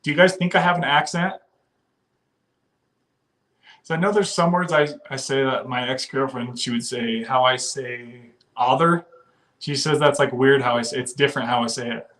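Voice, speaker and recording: A man from the western United States hosts a casual livestream, chatting loosely, laughing often and reading viewer comments aloud. His medium-pitched, fairly bright voice stays fairly even in intonation and moves a little fast.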